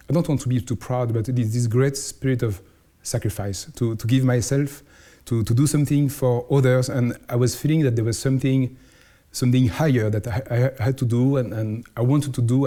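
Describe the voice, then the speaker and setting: A man in his forties with a French accent, a priest answering interview questions in careful English, often pausing to find his words. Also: mid-range voice, steady tone, warm tone. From France. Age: 40s. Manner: halting, searching for English words. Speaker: priest, house superior.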